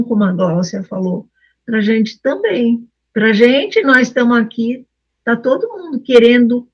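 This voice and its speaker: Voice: mid-range voice, highs cut off. Earnest speaker in a Bible study group. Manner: earnest, personal, addresses others by name. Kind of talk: reflective conversation in a study group.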